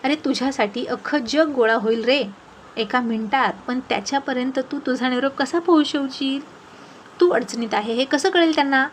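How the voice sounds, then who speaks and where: A woman voicing a spirited, outspoken young woman in a storybook tale, with a lively, scolding manner. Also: high-pitched, moderate pace, slight background noise, close to an everyday voice.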